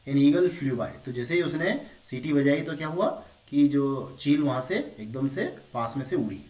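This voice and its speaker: A man teaching English grammar in a classroom style, explaining slowly, repeating phrases and keeping up a stream of rhetorical questions. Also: mid-range voice, a little mellow, roomy sound, far from the mic.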